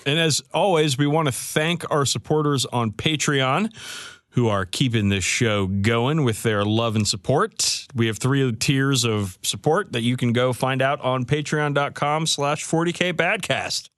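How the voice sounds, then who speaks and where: A man co-hosting a podcast, wry and quick, laughing between jokes. His pitch sits in the middle for a man. The recording is dry and close. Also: fairly bright tone, dry recording. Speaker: podcast co-host. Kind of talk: casual podcast chat.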